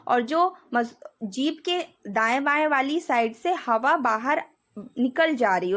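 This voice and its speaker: A young adult woman teaching a grammar lesson, explaining step by step, sounding out letters and checking in with the class often. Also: high voice. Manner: explains slowly, demonstrates sounds, repeats "ठीक है" often.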